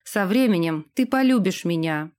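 A stern young lord set to be king, firm and commanding, as a woman reader puts him on in an almost everyday voice. He speaks with deliberate, controlled authority. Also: fairly low pitch, lively intonation, darkish tone, natural voice.

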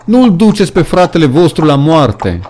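A man's voice: on the high side, very animated, vocal fry, a little hiss or hum, pitched above the performer's own voice. A man voicing a crowd of farm animals calling out together in a storybook reading. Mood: pleading. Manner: crying out in chorus.

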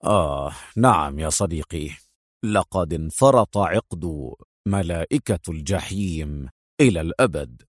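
A cool, self-assured male spy hero with a dropped, low voice, speaking slowly and gently, as a narrator gives him voice. The sound is dry and close, an audiobook thriller read at the mic. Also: expressive, vocal fry, no room sound, heavily acted. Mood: calm.

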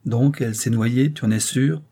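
A man reading the part of a calm, grave young doctor who questions slowly and deliberately. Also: medium pitch, natural voice. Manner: slow, measured questioning.

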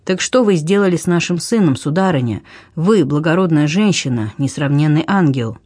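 A man's voice: on the high side, expressive, normal speed, darkish tone, breathy edge, dry recording, clean studio sound. A man reading an audiobook, voicing a bitter sea captain who pleads his case earnestly and insistently. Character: bitter middle-aged male sea captain.

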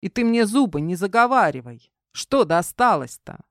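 A woman reading an audiobook, voicing a gruff young man who grumbles and teases dryly. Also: medium pitch, sing-song, moderate pace, no room sound, clean studio sound, pitched above the performer's own voice. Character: young man survivor, gruff, wry and protective.

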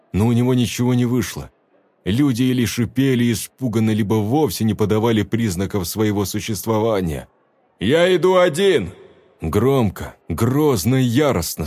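A man narrating an audiobook with expressive storytelling. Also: mid-range voice, no echo.

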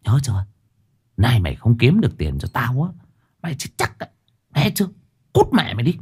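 A man's voice: sits high, big pitch swings, brisk, fairly bright tone, voice pushed up, heavily acted. A man voicing a cruel young mother in a told ghost story, screeching abusive insults. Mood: menacing. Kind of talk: storytelling with character voices.

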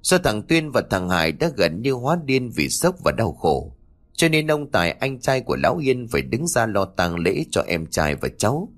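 A man reading a ghost story aloud in a dramatic, expressive manner. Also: on the low side, normal speed. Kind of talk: scripted ghost story narration.

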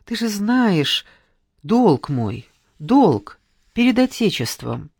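Woman voicing a gentle, guilt-ridden father. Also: medium pitch, big pitch swings, takes it slowly, breathy edge, no room sound, clean studio sound, voice pushed up, exaggerated voice. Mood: apologetic. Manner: soft, apologetic.

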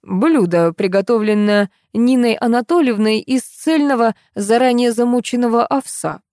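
A woman's voice: fairly high pitch, moderate pace, a little mellow, dry recording, clean studio sound, voice pushed up, close to an everyday voice. A woman reading an audiobook voices a pedantic young man who lectures in a droning way. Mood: lecturing. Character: pedantic young man, know-it-all quiz winner.

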